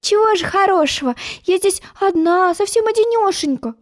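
A woman's voice: very high voice, lively intonation, moderate pace, pitched above the performer's own voice. A woman voicing an earnest, curious seven-year-old girl. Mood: plaintive. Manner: plain, questioning, a little teasing.

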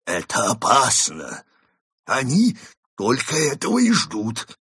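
A man's voice: mid-range voice, huge pitch swings, slow pace, sharp tone, breathy edge, no room sound, clean studio sound, voice pushed up, heavily acted. A man doing a fussy, drawling ghost wolf. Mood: fussy warning. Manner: fussy, warning, lecturing tone. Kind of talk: audiobook character reading.

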